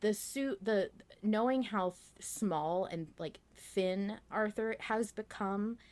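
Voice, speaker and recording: A woman hosting a casual podcast chat discusses things as a fan, emphatic and playfully argumentative, and swears freely. Her mid-range voice is a little mellow and moves at a slow pace.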